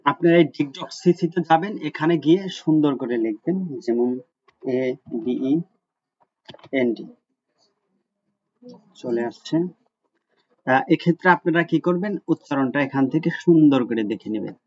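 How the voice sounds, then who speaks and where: A man's voice: on the high side, animated, normal speed, long pauses. A man teaching German letters in a screen-recorded lesson, patient, repeating each sound several times, with many "ah" fillers. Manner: frequent "ah" fillers. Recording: dull lo-fi recording.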